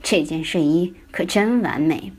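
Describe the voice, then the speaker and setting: Lady reading as a calm knowing mom in a kids story, takes her time. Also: sits low, a little slow, breathy edge, pitched below the performer's own voice. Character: calm, knowing mother of a young boy. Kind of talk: children's storybook character.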